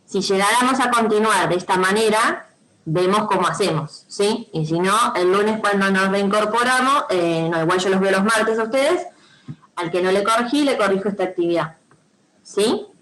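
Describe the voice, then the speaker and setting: A woman's voice: medium pitch, normal speed, a bit bright, low-quality recording. A woman teacher with a Rioplatense Spanish accent giving patient step-by-step instructions to pupils on a video call, checking often that they follow. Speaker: primary school teacher. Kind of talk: online class instruction.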